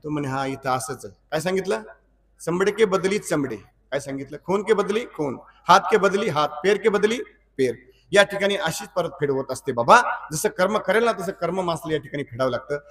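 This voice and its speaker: A man with a high voice preaches from a little way off the mic, so he sounds slightly distant. He tells a story to his listeners, acts out its characters' dialogue, and stops now and then to ask them a question and repeat the line. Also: animated, fairly quick, fairly bright tone. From Maharashtra, India. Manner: asks the audience rhetorical questions and repeats lines. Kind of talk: storytelling sermon.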